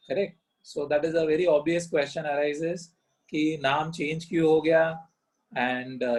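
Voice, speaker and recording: A middle-aged man gives a lecture at a very slow, deliberate pace, full of fillers and long pauses. His voice sits a little high for a man, and he keeps checking in with his listeners by asking "correct?". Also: poor audio. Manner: mixes languages, slow with many pauses and fillers. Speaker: teacher.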